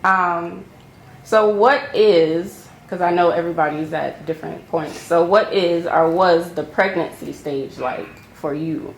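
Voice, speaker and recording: A woman's voice: on the low side, a little slow. A woman moderating a group discussion, asking questions in a casual, conversational way. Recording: echoey noisy room.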